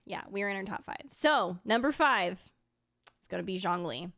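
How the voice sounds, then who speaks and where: In studio-quality sound with no room echo, a woman's animated, fairly bright medium-pitched voice moves at a normal speed. She's a video host and streamer giving giggly, gushing reaction commentary on a ranking.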